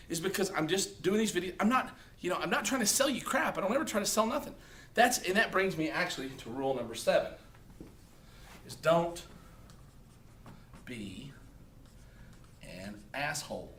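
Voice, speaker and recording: A man's voice: fairly high pitch, fairly bright tone. A man talking casually to the camera, giving blunt, profane advice on social media and often tagging his points with "okay?". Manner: blunt and profane, with lots of "okay?" tag questions.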